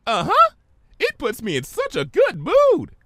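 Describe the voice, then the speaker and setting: A man voicing a hyperactive, bubbly pink pony girl in an audiobook reading, bouncy and excitable. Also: very high-pitched, unhurried, no room sound, clean studio sound, pitched above the performer's own voice, full character voice. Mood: giddy. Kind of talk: fan fiction audiobook reading.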